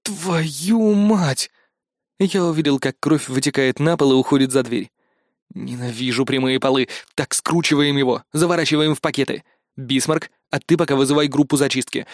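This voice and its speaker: A man's voice: mid-range voice, fairly quick, no room sound. Man reading an audiobook, dry close sound. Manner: ironic, lively storytelling. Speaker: audiobook narrator.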